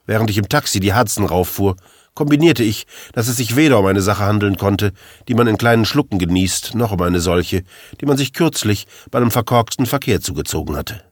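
A man with a very low voice reads a first-person crime story aloud. His delivery is dry and wry, like a deadpan storyteller. The recording is close and dry, with no room sound. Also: a little fast, slightly rough, no room sound. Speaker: narrator. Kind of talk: scripted audiobook narration.

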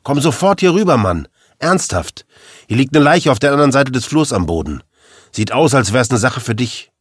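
A man voicing a big, friendly male journalist who talks in an excited, pressing way in an audiobook. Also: mid-range voice, moderate pace, slightly rough, no room sound, studio quality, voice pushed up. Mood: urgent. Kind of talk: audiobook character voice.

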